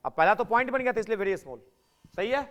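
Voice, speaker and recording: Male physics teacher, high pitch, classroom lecture, keeps pushing students to answer. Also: animated, fast talker, fairly bright tone. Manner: prodding students to answer, repeating points.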